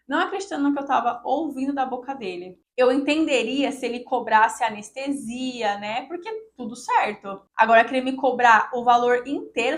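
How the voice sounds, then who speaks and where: A young woman from Brazil telling viewers a personal story in a casual, emotional, indignant way, often addressing them directly. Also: high voice. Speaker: vlogger.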